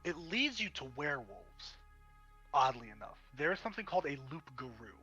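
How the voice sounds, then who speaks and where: A man narrating a tabletop fantasy game as game master, with dramatic pauses and emphasis. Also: on the high side, sing-song, sharp tone, highs cut off, soft background music.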